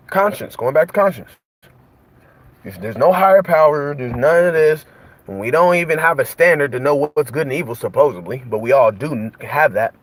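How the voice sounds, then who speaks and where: Impassioned preaching man, higher voice. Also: a bit bright. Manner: impassioned, repetitive, rhetorical questions. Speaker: host. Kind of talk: preaching monologue.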